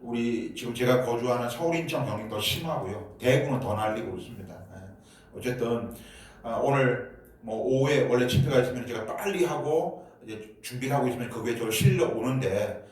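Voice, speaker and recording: A man's voice: medium pitch, animated, normal speed, darkish tone. A pastor in his fifties from Seoul, preaching a humorous, chatty sermon and mixing in a Gyeongsang dialect. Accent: Gyeongsang dialect mixed with Seoul speech. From Seoul, South Korea. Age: 50s. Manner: humorous, chatty, joking with the congregation. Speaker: guest pastor. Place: church sanctuary. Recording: very echoey church, from far off.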